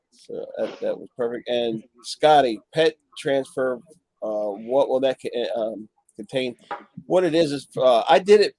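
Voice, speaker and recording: A man talking on a casual live chat, halting, with many fillers and restarts. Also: mid-range voice, darkish tone, rough recording.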